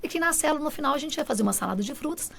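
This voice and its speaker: A woman's voice: high voice, rapid-fire, creaky. A woman telling an emotional personal testimony on a radio show, animatedly acting out what family and friends said. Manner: animated, often acts out the quoted lines of family and friends. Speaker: guest giving a testimony. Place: radio studio.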